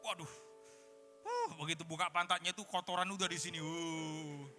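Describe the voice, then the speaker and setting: Bright-voiced pastor preaching in a hall. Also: male voice, a little high, moderate pace. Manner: animated storytelling, switching into English phrases. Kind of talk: sermon. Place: large conference hall. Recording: echoey conference hall with music.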